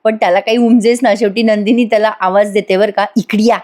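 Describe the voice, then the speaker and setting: A woman's voice: medium pitch, steady tone, fast talker, a little mellow. A woman giving a chatty voice-over review of a TV serial episode, talking straight to her viewers. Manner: chatty, addresses viewers, laughs often.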